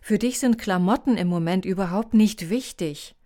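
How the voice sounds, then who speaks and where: A woman's voice: mid-range voice, normal speed, warm tone, pitched above the performer's own voice, close to an everyday voice. A woman reading the lines of a blunt but caring young woman friend in an audiobook. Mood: earnest. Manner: firm, soothing.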